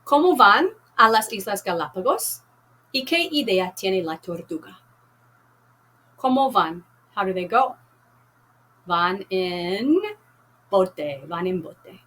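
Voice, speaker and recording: A woman teaching a Spanish class, reading a novel aloud and leading activities, speaking slowly and clearly, repeating and translating words. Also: medium pitch, animated, fairly bright tone.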